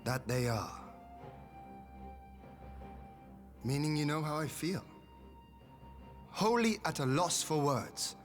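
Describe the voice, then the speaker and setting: Grave, formal young lord. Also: male voice, a little high, big pitch swings. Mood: moved, warm. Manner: formal, archaic, measured phrasing. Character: calm, courteous young lord leading a rebellion, grave and resolute. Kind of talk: scripted video game dialogue. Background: music.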